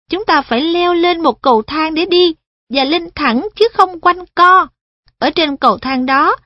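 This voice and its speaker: Audiobook girl role: woman playing an earnest, high-voiced young girl, eager and polite, dry muffled recording. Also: dry recording. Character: earnest young girl guiding an old man.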